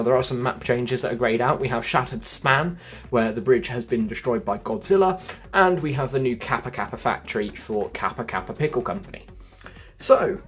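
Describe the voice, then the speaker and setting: A man with a mid-range voice hosts a gaming channel, chatting his way through a gameplay walkthrough and addressing viewers as folks and guys.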